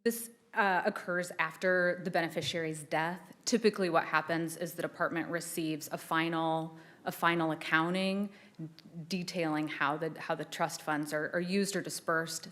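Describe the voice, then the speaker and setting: A woman with a low voice makes a formal oral argument before appeals judges. She speaks in a measured way and restarts a phrase now and then when she answers questions. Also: fairly bright tone. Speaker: assistant attorney general arguing an appeal. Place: courtroom.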